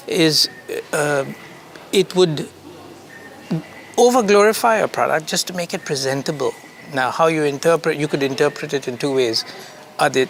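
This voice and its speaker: A man from India with a slightly raised voice speaks as an interview guest, unhurried and reflective. He circles back over his words and laughs easily. Faint background noise sits under the recording. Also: fairly high pitch, fairly bright tone. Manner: thoughtful, repeats words while searching, laughs easily. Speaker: creative director, interview guest. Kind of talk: casual conversation.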